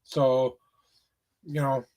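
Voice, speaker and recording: Speaking very slowly at a medium pitch, a man with a rural Minnesota Midwest accent keeps his tone level and a little mellow. He's doing a casual tarot reading on a livestream and talking with viewers, rambling, repeating words and starting over frequently.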